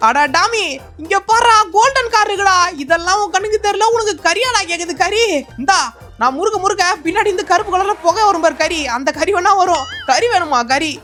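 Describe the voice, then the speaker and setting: A woman's voice: very high voice, a little fast, fairly bright tone, soft background music. A woman hosting a gaming video, giving chatty, teasing voiceover commentary as she plays. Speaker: gaming channel host. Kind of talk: playful game voiceover commentary.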